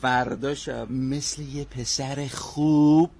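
A man's voice: mid-range voice, steady tone, a little mellow. A man playing a pushy, teasing friend who sets up a marriage meeting in a comedy sketch. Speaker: matchmaking friend.

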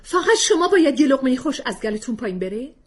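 A woman's voice: mid-range voice, animated, husky, voice pushed up. A woman doing a frustrated pleading mother.

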